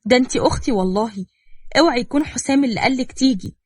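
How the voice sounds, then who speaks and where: A frank, affectionate young wife, read by a woman storyteller, speaking in an Egyptian accent with quick, emphatic jokes. The tone is rather high and airy, with a dry close sound. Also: no echo. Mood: fond. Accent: Egyptian Arabic.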